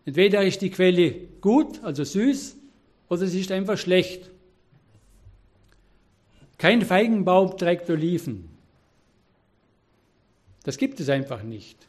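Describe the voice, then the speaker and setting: A man delivering a church sermon in an earnest, exhorting way. His voice sits a little high for a man. He reads scripture passages with careful emphasis. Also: expressive, slow pace, long pauses. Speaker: preacher.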